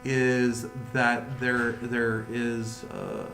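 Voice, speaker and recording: A livestream host chats casually about crypto news, reading headlines aloud and then rambling off into riffs on them. His medium-pitched voice is monotone and fairly bright, with drawn-out words. Music plays behind him in an echoey room.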